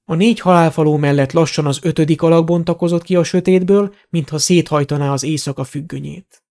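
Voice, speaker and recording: A man with a fairly high voice narrates a fantasy audiobook. His reading is dramatic and steady, with a clear storytelling cadence. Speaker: audiobook reader.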